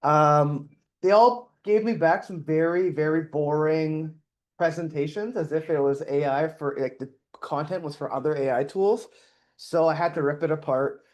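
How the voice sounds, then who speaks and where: Speaking at a moderate pace with a fairly high pitch, a middle-aged man delivers a conference talk on stage. His tone is casual and self-deprecating, and he keeps restarting and filling pauses.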